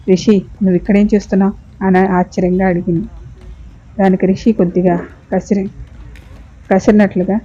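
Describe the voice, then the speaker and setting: A woman storyteller narrating a drama in a steady, dramatic way. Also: medium pitch, slightly rough. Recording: muffled lo-fi recording.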